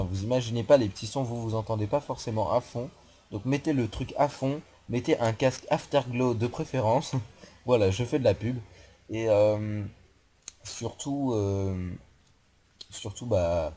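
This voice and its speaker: A young man commenting on a horror game he is playing, rambling and joking, swearing and yelling when startled. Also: lowish voice. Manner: rambling, jokey, swears, yells at scares. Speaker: gaming youtuber.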